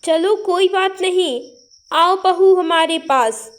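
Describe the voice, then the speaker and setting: Grumbling old village father, a woman voicing him, high and slow, cartoon story.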